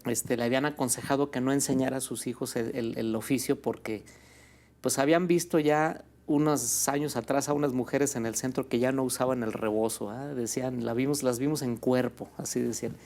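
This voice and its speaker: A man with a Mexican accent, a guest on an interview show, telling a family story in a relaxed way, with many fillers like "este" and "pues". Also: medium pitch, brisk. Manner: relaxed, fills with "este" and "pues", ends phrases with "¿no?". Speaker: guest, birria restaurant owner.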